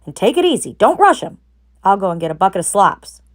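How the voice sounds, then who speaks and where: A woman voicing a calm male farmer in a storybook, giving measured, coaxing instructions. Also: medium pitch, close to an everyday voice. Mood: instructing.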